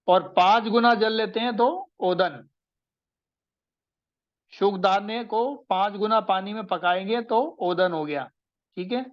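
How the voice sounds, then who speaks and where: A male teacher with a high voice lectures slowly and deliberately. He repeats and recaps each point so his listeners can write it down. The recording sounds dull and lo-fi. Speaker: Ayurveda teacher. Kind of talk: slow classroom lecture.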